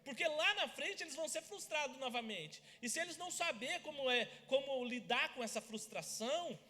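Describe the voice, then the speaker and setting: Male pastor, lively storyteller; very high, bright voice in a reverberant church hall. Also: fairly quick. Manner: lively storytelling, acts out family scenes. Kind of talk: sermon with personal stories.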